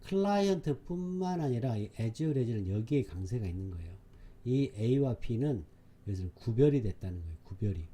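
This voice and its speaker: A man speaks at normal speed in a warm, slightly rough, medium-pitched voice with lively intonation. Teaching English exam prep, he walks through a reading passage, repeating key words emphatically and often checking that students follow along.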